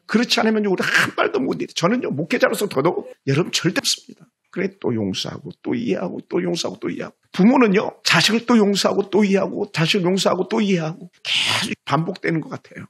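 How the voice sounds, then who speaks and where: A man preaches a sermon as a pastor, talking fast in a fairly high voice. His delivery is emphatic and repetitive, often punctuated by hallelujahs. The voice has a gravelly, husky edge. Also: a bit bright. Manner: speaks quickly.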